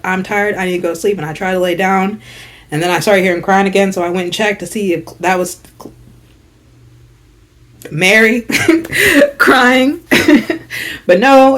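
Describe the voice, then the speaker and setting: A young woman vlogger telling a story in casual chat, slangy and animated, dropping to hushed asides and rising to loud exasperated bursts. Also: mid-range voice.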